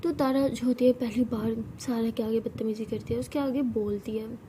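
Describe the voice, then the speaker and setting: A woman narrates a love story in an easy, conversational manner, stringing the scenes together with "so she says". Her voice is mellow and pitched a little high. Faint noise hums in the background. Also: steady tone, moderate pace.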